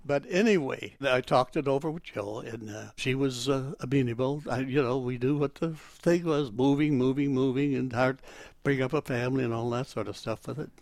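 An old man speaks as a veteran remembering his service in an oral history interview. His delivery is halting and wandering, feeling for details as he goes, with a medium-pitched voice and a dry, close sound. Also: a little mellow, no room sound. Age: elderly, 80s or older. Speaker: interviewee, retired military officer and war veteran.

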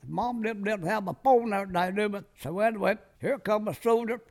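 A very old American war veteran in his nineties reminisces for an oral-history interview, rambling in a folksy way with clipped, loose sentences. His voice sits high and sounds darkish, and he talks briskly.

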